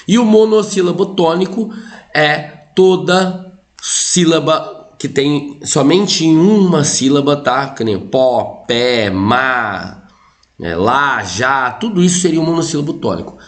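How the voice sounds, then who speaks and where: A man teaching a Brazilian Portuguese grammar lesson, pointing things out on the board and checking in with his students after nearly every phrase. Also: on the high side. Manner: lively, keeps checking in with "tá?" and "ó". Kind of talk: online grammar lesson at a whiteboard.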